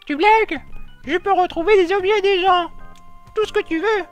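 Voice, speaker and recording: A man's voice: very high-pitched, normal speed, faint music behind, pitched above the performer's own voice. A man voicing a boastful, chirpy fortune-telling machine in a video game, with theatrical sales patter. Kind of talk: voicing game dialogue during a playthrough.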